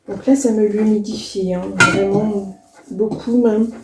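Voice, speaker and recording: A woman vlogger with a hoarse, cracking voice, chatting casually as she demonstrates a recipe in her home kitchen, full of fillers and restarts. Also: medium pitch, fairly even intonation, measured pace, roomy sound, heavy background noise. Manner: chatty, many fillers and restarts while working.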